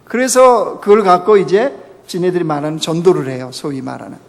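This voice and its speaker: Male pastor preaching, keeps asking the congregation questions, highish voice, long echo from the church hall. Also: brisk, vocal fry. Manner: asks the congregation rhetorical questions. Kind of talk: sermon. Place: church sanctuary.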